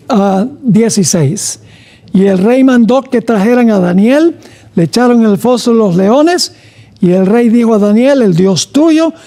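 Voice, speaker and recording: Middle-aged pastor guy doing a bible study, slow steady sermon, warm low-toned voice. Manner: reads scripture aloud then stops to comment and stress key words.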